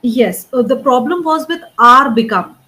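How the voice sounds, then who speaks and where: A woman coaching a student in spoken English, one-on-one. Her voice sits a little high and stays patient and measured. She corrects mistakes step by step and keeps checking in with short questions. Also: animated, pushed and bright, rough recording. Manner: patient, often checks understanding with "right?" and "correct?"; corrects grammar and pronunciation step by step. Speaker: English speaking tutor.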